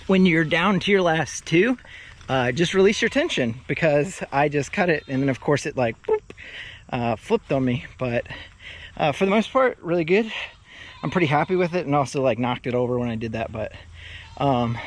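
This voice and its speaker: A man talking casually outdoors on his farm, hot and out of breath, rambling with lots of filler sounds. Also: a little high. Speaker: farm vlogger. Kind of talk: casual outdoor vlog narration.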